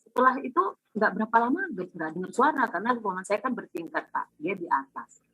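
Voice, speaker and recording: Husky woman telling a lively family story. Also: medium pitch, a little fast, no echo, low-quality recording. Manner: animated, acts out family dialogue. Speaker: testimonial speaker. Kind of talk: casual storytelling testimony.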